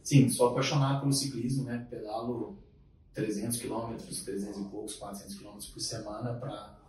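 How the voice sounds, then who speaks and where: A man who coaches runners, explaining himself in a relaxed way as a podcast guest. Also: lowish voice, fairly quick, far from the mic. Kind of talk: casual podcast chat. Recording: roomy echo, off-mic.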